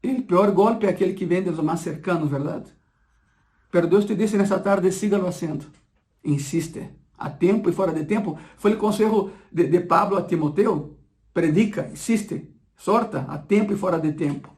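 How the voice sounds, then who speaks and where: High-voiced preacher, emphatic. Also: male voice, moderate pace, darkish tone. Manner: emphatic, repeats key phrases for teaching. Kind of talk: sermon.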